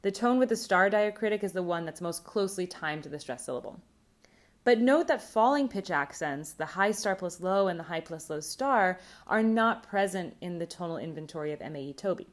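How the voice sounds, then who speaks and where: A woman with a lowish voice and lively intonation presents a recorded academic conference talk on linguistics, explaining terms clearly and in a measured way.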